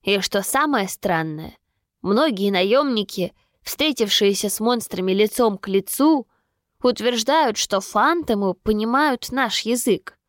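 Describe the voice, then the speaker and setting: A woman voicing a calm, ominous male professor who lectures in a slow, measured way. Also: mid-range voice, no room sound, clean studio sound, natural voice. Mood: lecturing.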